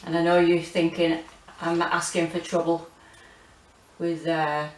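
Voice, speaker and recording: A British woman in her forties talks in a low, monotone voice. She takes her time, pausing and hesitating as she chats. The delivery is casual and self-deprecating, like an informal gardening vlog recorded in her kitchen. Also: slight background noise, rough recording. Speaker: gardening vlogger. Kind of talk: casual rambling garden tour chat. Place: small home kitchen and windowsill, indoors.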